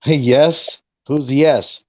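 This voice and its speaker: A man talking on a voice call, his voice turned robotic and glitchy by a failing headset. The sound is dull and lo-fi, with a dry, close feel and no room around it. He talks casually and excitably, swearing as he goes. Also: mid-range voice, slow pace, no room sound. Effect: robotic glitchy distortion from a faulty headset. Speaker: gamer in a game discussion. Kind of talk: casual chat over a voice call.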